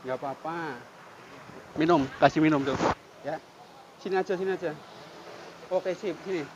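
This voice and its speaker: A man talks calmly and coaxingly to someone on a roadside, repeating soothing phrases. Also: a little high, moderate pace, highs cut off. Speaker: volunteer caring for a homeless man. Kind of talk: filmed street outreach, talking to a man on camera. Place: roadside outdoors near a market. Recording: outdoor traffic and insect noise.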